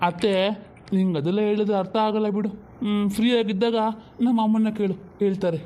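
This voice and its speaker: A woman's voice: medium pitch, steady tone, quick pace, dark tone, slight background noise, close to an everyday voice. A woman playing a busy, offhand young man who brushes off his relatives in a home-made family drama. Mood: dismissive.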